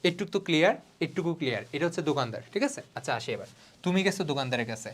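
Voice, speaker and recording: A young man from Bangladesh teaches biology online at a quick clip. His delivery is chatty and casual. He keeps asking his students whether they are following, and drops English words into the explanation as he goes. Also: a little high, animated. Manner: checks in with students constantly. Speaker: biology tutor. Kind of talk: online exam-prep lesson.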